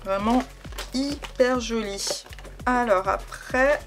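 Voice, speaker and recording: A woman's voice: a little high, slow. A woman vlogger chatting casually while unboxing scrapbooking supplies, gushing with enthusiasm and lots of fillers and repeats. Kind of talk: casual product unboxing chat. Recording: background music under the voice.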